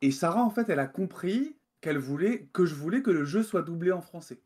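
A man's voice: sits high, lively intonation, fairly quick, darkish tone. A man from France, a game developer guest, talking casually in an interview over a video call, hesitant with many fillers and restarts.

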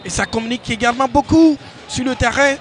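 A man giving excited live football play-by-play commentary, exclamatory and repeating phrases for emphasis. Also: extremely high pitch, fast.

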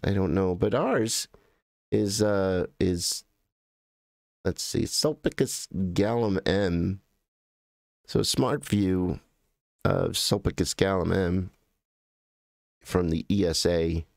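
Rambling gravelly-voiced American livestream host. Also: male voice, low voice, slow pace, long pauses, dry recording, studio quality. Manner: rambling, self-correcting, thinking aloud while clicking through images. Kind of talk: casual livestream commentary.

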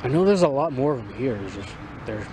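A man's voice: medium pitch, expressive, fast talker. A man chatting casually while walking through a park for his vlog, talking around a piece of gum with slightly mumbled words. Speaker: vlogger. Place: outdoors in a park arboretum. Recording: outdoor camera audio with loud background noise.

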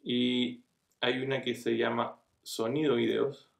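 Speaking slowly and flatly in a gravelly mid-range voice, a middle-aged online marketing tutor gives a casual computer tutorial step by step. He often checks in with viewers, saying things like "¿cierto?", recorded on a desk webcam in a small room with echo.

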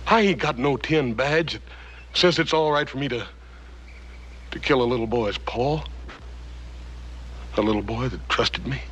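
An actor in his thirties playing a big, gentle, guilt-stricken cowboy son in a TV western, with a rural Western American accent and halting, plain-spoken speech. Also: medium pitch, close to an everyday voice. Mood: anguished remorse. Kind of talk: TV western drama acting. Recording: noisy old television soundtrack.

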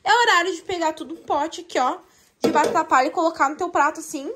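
Chatty high-voiced mom vlogger. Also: female voice, fast talker, background noise. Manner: lively, chatty, talks to viewers. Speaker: vlogger mother. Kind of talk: family vlog chat. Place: home indoors. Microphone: phone camera.

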